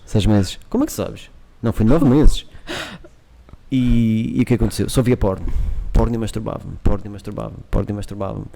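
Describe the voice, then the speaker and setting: A man's voice: on the low side, a little fast, vocal fry, dark tone. A man with a European Portuguese accent, hosting a casual chat and talking candidly with jokes. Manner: candid, jokey, confessional. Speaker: podcast host.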